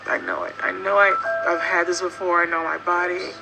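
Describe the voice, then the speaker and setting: A woman's voice: fairly low pitch, a little fast, gravelly, over loud music, poor audio. A woman telling an emphatic, emotional personal account of complications after giving birth, in an interview clip. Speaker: interviewee recounting childbirth complications.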